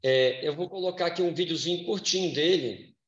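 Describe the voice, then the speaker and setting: A man with a somewhat high voice gives a church lecture, reading scripture aloud and then explaining it. He speaks in a measured way with hesitant fillers. The sound is roomy and a little dull.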